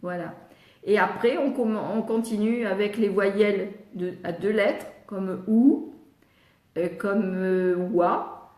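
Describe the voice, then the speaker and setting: An older woman with a French accent, a speech therapist answering live questions, patiently sounding out letters and syllables and pausing often to read viewers' questions. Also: medium pitch, warm tone, roomy sound. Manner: reads viewers' questions aloud, frequent hesitations. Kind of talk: live Q&A teaching.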